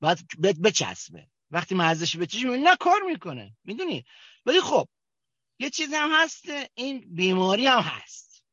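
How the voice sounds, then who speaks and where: Kermani man sharing a halting testimony. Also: high-pitched, wildly swooping pitch, sharp tone, dry recording. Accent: Kermani Persian. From Kerman, Iran. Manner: halting, with many fillers and restarts. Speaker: recovery group member sharing his story. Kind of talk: personal testimony at a recovery meeting. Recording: dull, dry recording.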